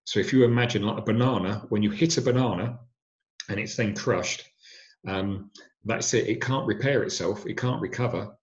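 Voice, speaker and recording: A middle-aged man tells his own story in a lowish voice, earnest and halting, with plenty of fillers and restarts. The recording is dull and lo-fi. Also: roomy sound. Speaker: injury survivor telling his story. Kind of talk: personal storytelling. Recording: dull lo-fi sound.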